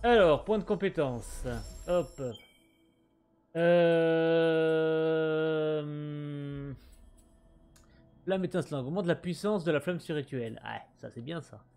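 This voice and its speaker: A man's voice: a little high, slow pace, long pauses, darkish tone, clean tone. A man casually commenting on his gameplay, chatting with viewers and reading on-screen text aloud in a muttering way. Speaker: gaming streamer. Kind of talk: casual let's play commentary. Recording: light game music behind.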